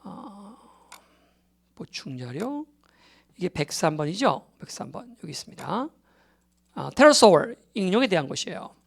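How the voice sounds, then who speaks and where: Lively man teaching exam English. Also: sits high, unhurried, gravelly, long pauses, breathy edge. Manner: explains step by step, often checks in with the class; mixes English terms into Korean explanations. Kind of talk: recorded exam-prep lecture.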